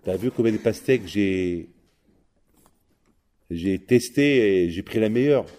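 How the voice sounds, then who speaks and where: A man voicing a very old, wise man in a told story, patient and low-voiced. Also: expressive, slow, mellow. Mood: calm.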